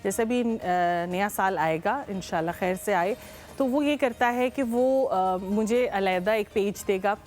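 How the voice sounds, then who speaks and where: A woman's voice: mid-range voice, measured pace, darkish tone, soft background music. A woman, co-hosting a morning show and giving earnest advice in casual chat. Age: 30s. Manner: earnest, advice-giving, many affirming interjections.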